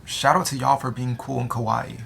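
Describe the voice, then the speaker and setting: In front of a noisy background, a 19-year-old vlogger with an American accent answers viewer questions, joking around and using slang as he talks to camera. His mid-range voice is creaky and fairly quick, and his delivery is flat.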